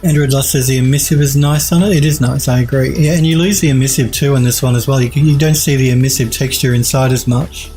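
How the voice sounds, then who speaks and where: Faint music plays behind a fast-talking man in his forties who barely pauses as he enthusiastically critiques viewer 3D art on a home live stream. His mid-range voice has a darkish tone and fairly even intonation, made a bit nasal by a head cold. He repeats compliments and restarts often.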